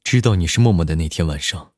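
A man voicing a domineering, possessive powerful man, speaking low, firm and intense. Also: expressive, fast, a little mellow, slightly rough, no room sound, clean studio sound. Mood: calm. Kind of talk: audiobook character voice.

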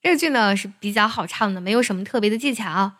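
A woman teaching how to sing an English song, speaking in a patient, measured way with soft particles at the ends of her phrases. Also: mid-range voice. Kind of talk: explaining lyrics and singing technique.

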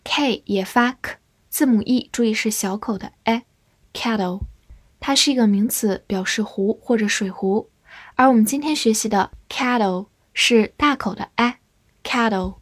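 A woman teaching English vocabulary, spelling each word out letter by letter and repeating it slowly. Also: on the high side, slightly rough, dry recording. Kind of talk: slow, spelled-out vocabulary lesson.

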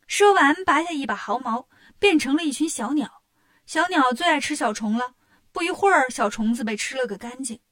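High-voiced woman storyteller. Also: normal speed, no echo, clean studio sound. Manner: lively, expressive. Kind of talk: children's story narration.

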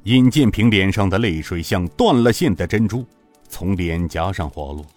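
Lively-voiced male audiobook narrator. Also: low-pitched, normal speed, soft background music. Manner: expressive storytelling delivery. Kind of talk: audiobook narration of a martial-arts novel.

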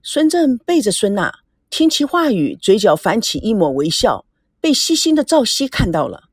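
A woman narrating a serialized novel aloud in an expressive storytelling style. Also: medium pitch, moderate pace, breathy edge, no echo, clean studio sound.

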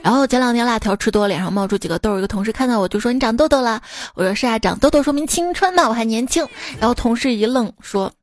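A woman's voice: fairly high pitch, animated, fast talker, few pauses, dry recording, studio quality. A woman hosting a podcast, reading listener jokes aloud in a chatty, teasing way. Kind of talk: casual comedic reading.

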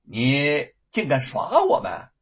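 Man shouting as a bullying gatekeeper servant. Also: fairly high pitch, big pitch swings, normal speed, husky, voice pushed up. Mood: angry shouting. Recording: dull lo-fi recording.

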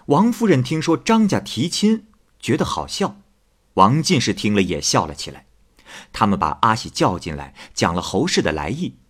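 Husky man narrating a classic tale. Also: mid-range voice, normal speed. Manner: animated storytelling. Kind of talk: storybook narration.

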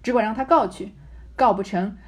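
A woman's voice: mid-range voice, moderate pace, lightly acted. A woman reading as a proud, bitter young noblewoman. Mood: defiant. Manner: complaining, bitter self-pity. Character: proud sharp-tongued young noblewoman, aggrieved.

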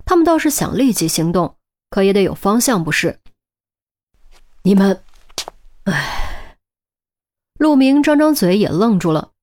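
A woman reading a crime audiobook in a steady storytelling manner. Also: medium pitch. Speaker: audiobook narrator. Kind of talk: scripted audiobook narration.

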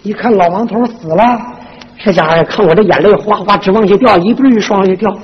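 A performer playing a sharp-tongued, bossy older village godmother in a comic folk stage duet, with a Northeastern Mandarin accent and a brash, scolding, gossipy way of telling stories. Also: medium pitch, a little fast, lightly acted. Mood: scolding gossip. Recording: echoey stage, dull lo-fi sound, faint hiss.

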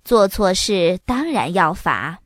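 A woman reading a storybook aloud and voicing a busy mother who speaks in a calm, lower, measured tone. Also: no echo, studio quality, heavily acted. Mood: firm. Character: mother, busy and firm but gentle.

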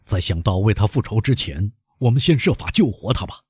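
A man's voice: on the low side, big pitch swings, a little mellow, slightly rough, dry recording, clean studio sound, full character voice. A man voicing a grave older doctor who speaks coldly and evenly. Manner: cold, measured.

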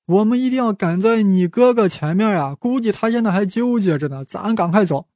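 A man voicing an eager, scheming male ancient court advisor who talks in an urgent, hurried way, inside a spoken history story. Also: sits high, lively intonation, darkish tone, no echo, voice pushed up.

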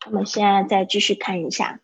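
Gravelly-voiced woman teaching English. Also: mid-range voice, little pitch movement, slight background noise. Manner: explains slowly, repeats words, models pronunciation. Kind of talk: livestreamed English lesson. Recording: dull lo-fi livestream audio.

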